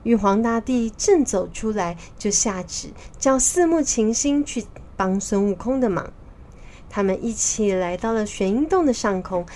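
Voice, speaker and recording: A woman telling a children's story as a mother, in a lively, sing-song way with drawn-out endings. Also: a little high.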